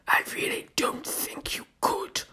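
Woman doing a creepy alien monster voice, sour wet whisper, slow menacing threats. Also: pushed and bright. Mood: gloating. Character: sinister shape-shifting alien creature, cold and gloating.

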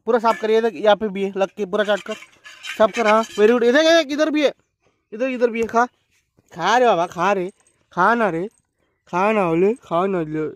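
A man vlogging at home, talking playfully to his dog with coaxing, repetitive commands. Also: high voice.

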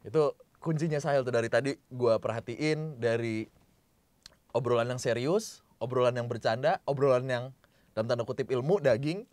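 A man hosting a casual podcast chat about voice technique, slangy and lively, jumping his pitch up and down as he demonstrates. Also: normal speed, no room sound. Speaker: podcast host.

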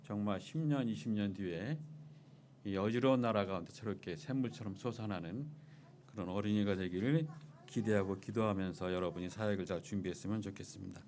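A man's voice: on the low side, brisk, a little mellow, a little hiss or hum. A male pastor preaching a Sunday sermon in a church, telling stories and speaking directly to the congregation. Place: church sanctuary.

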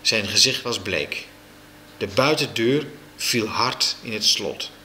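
Male reader for a children's book, unhurried and expressive, with a bright voice. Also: on the low side, a little hiss or hum. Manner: slow, expressive storytelling. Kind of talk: reading aloud a children's story.

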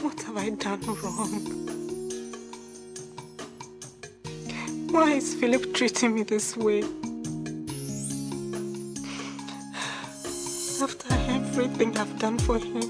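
An actress plays a jealous, wounded woman in a film drama. She has a Ghanaian accent and a fairly high, emphatic voice. Loud music plays behind the dialogue. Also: moderate pace, lightly acted. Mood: hurt, pleading. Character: jealous, domineering, wounded older woman in love.

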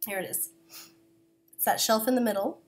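A woman's voice: a little high, slight background noise. Coughing woman chatting about her knitting. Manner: chatty, self-deprecating, apologetic, with many fillers. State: coughing, throat-clearing. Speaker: knitting podcast host. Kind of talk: casual chat. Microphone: camera.

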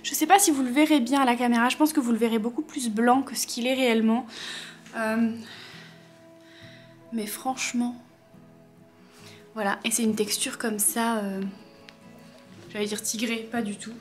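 A woman vlogging to camera, chatty and excitable, her slightly high voice full of little hesitations. The room gives her voice a roomy echo, with soft music running underneath. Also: moderate pace, long pauses. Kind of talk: casual chat to camera. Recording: echoey room with faint music.

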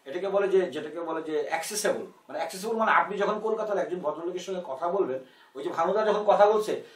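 A man from Bangladesh with a Bangladeshi Bengali accent, a poet in a casual discussion, talking in an animated way and acting out dialect examples. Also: sits high, fast talker. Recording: roomy, distant mic, faint background noise.

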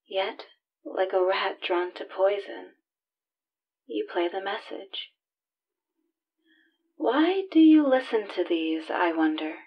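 A woman's voice: medium pitch, muffled recording. A woman playing an obsessive, sweetly menacing yandere stalker in an audio role-play, intimately coaxing as she leaves a voicemail. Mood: taunting, intimate.

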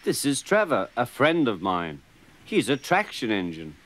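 A man's voice: medium pitch, wildly swooping pitch, measured pace, fairly bright tone, slight background noise. A man voicing a kind, reassuring older engine with a friendly manner. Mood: kindly.

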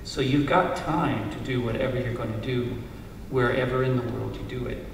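Heard from afar in a roomy hall, this middle-aged male lecturer reads his commencement speech from notes at a stage stand mic. The tone is earnest and encouraging, the voice mid-range and steady with some vocal fry, at normal speed. The background is noisy.

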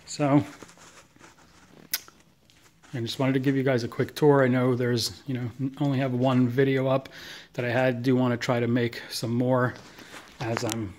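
A man's voice: mid-range voice, flat delivery, moderate pace, a little mellow. A man giving a casual tour of his home garage workshop, filmed on a handheld phone, chatting about his tools with plenty of fillers. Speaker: knife maker giving a shop tour. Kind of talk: casual shop tour walkthrough. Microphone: handheld phone camera.

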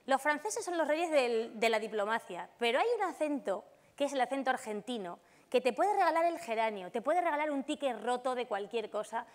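A woman from doing a lively stand-up comedy monologue on a theater stage, acting out the people in her stories. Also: on the high side, fairly quick. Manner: lively storytelling, acting out quoted voices. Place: theater stage with live audience.

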